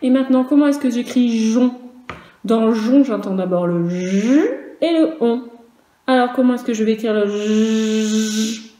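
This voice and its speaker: A woman teaching a first-grade class in a recorded online lesson, with a fairly high but mellow voice. She sounds out each syllable and letter with patient emphasis. The room is echoey, with a faint hiss behind her. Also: moderate pace. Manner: speaks to children and parents in turn.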